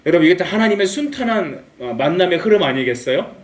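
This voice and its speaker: A male pastor preaching a Sunday sermon in a church, lively and humorous, acting out the characters' lines. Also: sits high, quick pace. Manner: animated, acts out dialogue with humor. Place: church sanctuary. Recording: echoey room, mic at a distance.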